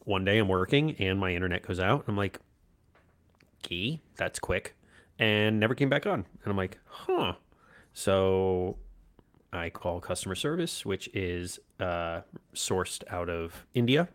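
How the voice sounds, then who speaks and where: Low-voiced man telling a story. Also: unhurried. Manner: animated anecdote telling, acts out quoted voices. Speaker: podcast co-host. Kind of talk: casual storytelling chat.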